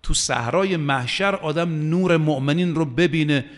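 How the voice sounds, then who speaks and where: A man's voice: on the high side, long reverb tail. A man preaching a sermon, earnest and emphatic, quoting Arabic verses.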